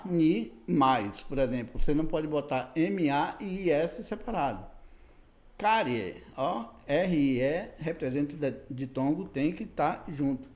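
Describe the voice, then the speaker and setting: Man, grammar teacher, fairly high and very animated voice, explanatory. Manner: explanatory, repeats "né" and "tá bom" to check understanding; spells out letters one by one. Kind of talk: recorded grammar lesson.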